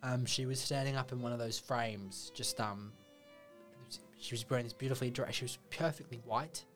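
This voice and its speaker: A man's voice: mid-range voice, moderate pace, fairly bright tone, faint music behind, natural voice. A man playing a rambling Aussie bloke priest. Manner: rambling, hesitant, full of ums. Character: blokey Australian ex-plumber priest candidate. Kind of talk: improvised comedy role-play.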